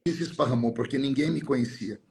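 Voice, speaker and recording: A middle-aged man, a pastor, telling a personal story in conversation, reflective and sometimes pausing to search for words. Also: medium pitch, darkish tone, slight background noise.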